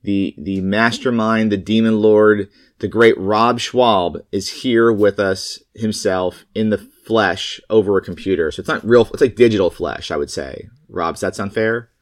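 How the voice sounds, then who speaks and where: A man's voice: on the low side, unhurried. A man hosting a podcast in casual, jokey, rambling chat. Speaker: podcast host.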